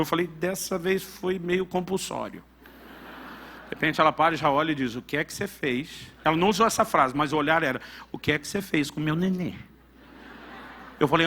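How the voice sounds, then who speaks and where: Bright-voiced Brazilian pastor preaching. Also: male voice, sits high, slight background noise. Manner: animated storytelling, swings from loud to hushed. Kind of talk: sermon storytelling.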